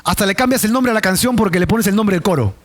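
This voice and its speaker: A man's voice: sits high, lively intonation, fast. A man, preaching a Bible study sermon and telling the scene as a vivid, dramatic story. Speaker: pastor.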